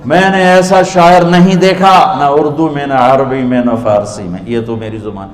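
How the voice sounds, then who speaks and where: A man preaching a sermon to a live audience, speaking with passion and repeating phrases in a rhythm. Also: medium pitch. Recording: echoey large hall.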